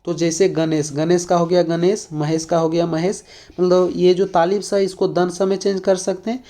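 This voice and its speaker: A man's voice: high voice, little pitch movement, normal speed, dark tone. A man from Jharkhand teaching an exam-prep language lesson, explaining step by step with lots of fillers and repeated questions to the class. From Jharkhand, India.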